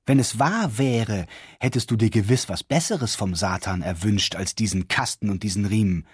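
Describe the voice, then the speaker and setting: A man voicing a scornful young courtesan who scolds and mocks, with a husky voice in a fairy-tale reading. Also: normal speed, no room sound, studio quality. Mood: scolding. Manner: shrill, scolding.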